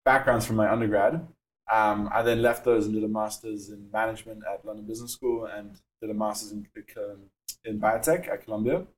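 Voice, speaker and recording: This young founder with a South African accent talks through his startup on a podcast, steady and filler-heavy. His pitch sits on the low side and stays fairly even, and the recording is rough.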